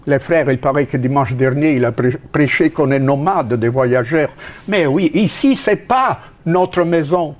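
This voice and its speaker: A man from Italy with an Italian accent, preaching a sermon in an emphatic way, with sudden leaps and drops in pitch and halting restarts. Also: animated.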